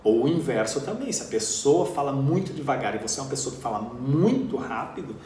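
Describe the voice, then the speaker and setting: A man coaching public speaking to camera, earnest and stressing words with slow, emphatic pauses. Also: medium pitch, expressive, darkish tone, reverberant, a little hiss or hum. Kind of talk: motivational talk to camera.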